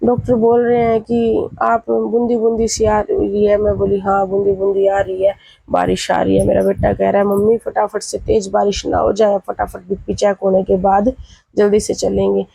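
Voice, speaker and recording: Sick lady telling her day on a vlog, husky dark voice, dry close sound. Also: mid-range voice, completely flat delivery, normal speed, dry recording, rough recording. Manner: chatty storytelling, retelling family talk. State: feverish, unwell. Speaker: vlogger. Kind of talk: casual vlog narration.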